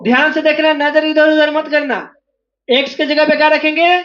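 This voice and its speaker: A man's voice: very high voice, little pitch movement, normal speed, a bit bright, muffled recording, slight background noise. A man teaching maths in a classroom, pressing students again and again to call out the answers. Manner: drills students, asking them again and again to answer aloud. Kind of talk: classroom lecture.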